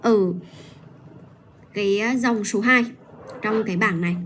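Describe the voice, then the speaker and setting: A woman teaching pronunciation on a livestream, patiently modeling and repeating each word slowly. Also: medium pitch, noisy background. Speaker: English teacher.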